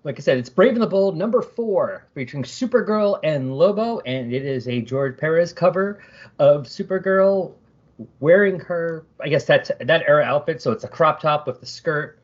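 A man's voice: fairly high pitch, expressive, normal speed, dull audio. A male podcast co-host chatting about a comic issue and reading its captions aloud. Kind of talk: casual comic book discussion.

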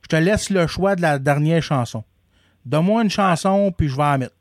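A man's voice: on the high side, normal speed, no echo, clean studio sound. A man with a Québécois French accent hosting a podcast in casual chat, rambling with many restarts and fillers. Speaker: podcast host.

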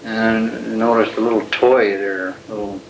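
Male police interrogator, measured and halting, from an old archive tape recording; faint background hiss. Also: fairly low pitch, little pitch movement, gravelly, poor audio. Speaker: police detective.

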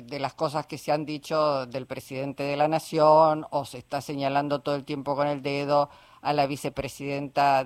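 Argentine radio host pressing his guest. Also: fairly high pitch. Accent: Argentine Spanish. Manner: pushes back, presses the guest. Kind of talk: radio interview.

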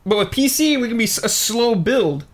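A man's voice: very high-pitched, expressive, normal speed. A man co-hosting a casual gaming podcast, joking and teasing the others. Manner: jokey, teasing. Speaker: podcast co-host. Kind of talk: casual chat.

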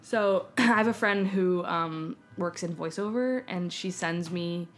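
As a podcast guest, a young filmmaker and actor from San Francisco, USA, chats casually, giggling and voicing the quotes in her stories. Her pitch is fairly low and her pace a little slow, with slight background noise.

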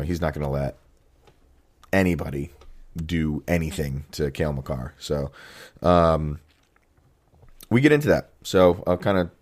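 A man hosting a casual sports podcast, his voice deep and hoarse from a chest cold, speaking haltingly with pauses. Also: darkish tone. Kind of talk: casual solo sports commentary and interviewing.

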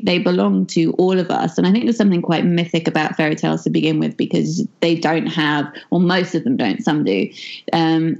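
Woman guest, enthusiastic and rambling, low fry-edged voice. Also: darkish tone. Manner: enthusiastic, rambling, with self-corrections. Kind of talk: casual interview chat. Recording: dull, muffled audio.

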